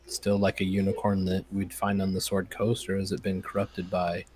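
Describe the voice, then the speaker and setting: A man's voice: deep voice, monotone, normal speed, darkish tone, slight background noise. A man playing a tabletop game, chatting casually about his moves.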